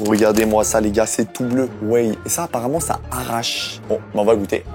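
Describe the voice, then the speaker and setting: A man's voice: lowish voice, fairly even intonation, fairly quick, a little mellow, soft background music. A young man hosting a vlog, teasing and talking straight to his viewers. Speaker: host hiding in a secret room. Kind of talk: casual vlog commentary.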